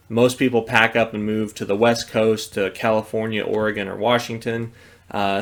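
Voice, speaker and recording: American guy in his 30s doing a casual lecture, pretty flat tone. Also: lowish voice. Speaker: history teacher. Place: small indoor study or office, seated at desk.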